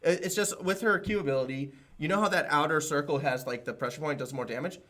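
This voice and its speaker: A man giving live analysis of a high school esports match in long, detailed explanations. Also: quick pace, pushed and bright. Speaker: esports caster.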